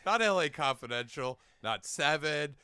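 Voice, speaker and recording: A man's voice: a little high, animated, moderate pace, sharp tone, clear, resonant tone, dry recording. A man co-hosting a comedy podcast, swearing freely and laughing through loose, riffing chat. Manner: profane, riffing, laughing often. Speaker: podcast co-host. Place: small recording room.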